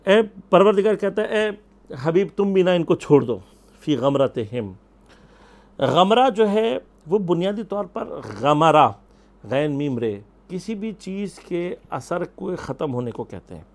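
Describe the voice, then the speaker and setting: A man delivers a Quran commentary lecture in a fairly high voice. He explains the verses patiently, asking rhetorical questions and answering them himself, and he quotes Arabic verses along the way. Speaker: religious scholar.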